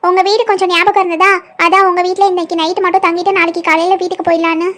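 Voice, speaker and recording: A woman doing a hushed, hesitant ghost girl. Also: very high voice, little pitch movement, very fast. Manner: soft, hesitant, quiet. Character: timid young woman ghost in disguise. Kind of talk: cartoon voice acting.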